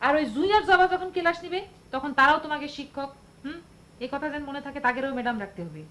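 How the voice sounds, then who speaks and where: An actress playing a strict, self-important schoolteacher who speaks in a bossy, formal way. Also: female voice, high voice, quick pace, fairly bright tone. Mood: prim, commanding. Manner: bossy and formal, demands respect. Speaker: teacher.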